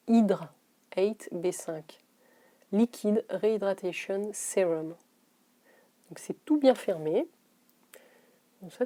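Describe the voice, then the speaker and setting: A woman chatting casually as she unboxes beauty products, laughing to herself and reading labels slowly. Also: mid-range voice, mellow. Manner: slows to read labels, drops to a whisper on names. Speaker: beauty vlogger.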